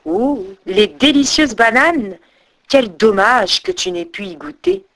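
A woman's voice: sits high, very animated, slow pace, vocal fry, fairly bright tone, heavily acted. A woman voicing a greedy, boastful female crane who taunts her companion in a sing-song way. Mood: gloating.

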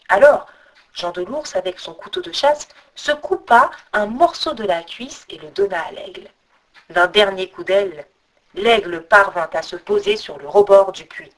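A woman narrating a folk tale as a storyteller, reading a script in an expressive way. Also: medium pitch, low-quality recording.

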